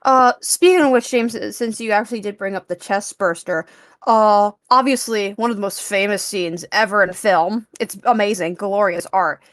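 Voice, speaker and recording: A woman's voice: mid-range voice, moderate pace, no echo, studio quality. A woman co-hosting a podcast, chatting eagerly about films with lots of fillers. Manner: chatty, enthusiastic, many fillers. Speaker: podcast co-host. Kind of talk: casual film discussion.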